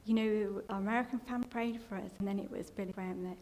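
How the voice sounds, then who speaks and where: A woman's voice: medium pitch, fairly even intonation, fast, darkish tone. A middle-aged woman with an English accent recounts her life story as a church testimony. She talks in a loose, rambling way, and her voice catches and turns tearful at times. Her voice carries a long hall echo over faint background noise. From England. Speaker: church member giving testimony. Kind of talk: personal testimony.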